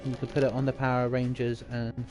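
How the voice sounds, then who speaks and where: On a live game stream, a young man chats casually with viewers, rambling and reading out incoming messages. His mid-range voice is a little mellow, fairly quick, and completely flat in delivery, with music playing in the background.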